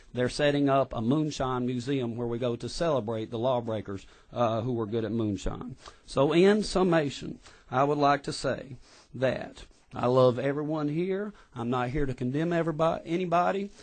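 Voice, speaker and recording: A man giving earnest, impassioned testimony at a legislative hearing, often restarting his words. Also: mid-range voice. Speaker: public witness at a legislative hearing. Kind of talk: formal testimony. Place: hearing room.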